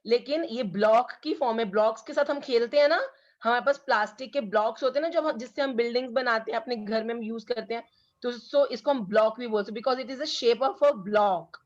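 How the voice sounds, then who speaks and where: A woman's voice: fairly high pitch, brisk, lo-fi sound. A woman teacher with an Indian English accent, giving a phonics lesson to young children and switching between Hindi and English as she repeats words for them to read along. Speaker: school teacher. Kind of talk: classroom phonics lesson, slow and drawn out.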